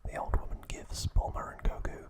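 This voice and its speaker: Close-miked and breathy, an ASMR host narrates in an unvoiced whisper. He delivers short, hushed phrases at a slow, deliberate pace.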